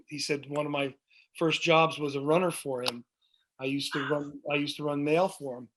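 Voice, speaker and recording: A middle-aged man telling long rambling anecdotes with many fillers and restarts, as a guest on a video podcast. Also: on the high side. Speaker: guest, music director. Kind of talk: storytelling in a video podcast interview. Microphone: video call.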